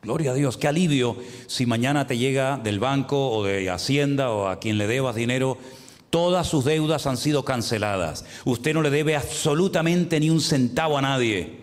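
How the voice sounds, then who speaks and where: A man preaches in a church, his voice carrying a long echo through the hall. He builds each point with rising emphasis and throws rhetorical questions to his listeners. His pitch sits in a middle register. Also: moderate pace. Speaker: pastor. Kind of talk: sermon.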